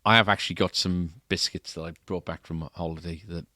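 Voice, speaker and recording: A man's voice: low-pitched, fairly even intonation, fast talker, pushed and bright, no room sound, studio quality. A man co-hosting a shop podcast, chatting casually and often ending remarks with tag questions. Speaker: podcast co-host at a guitar shop. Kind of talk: casual chat. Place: shop, indoors.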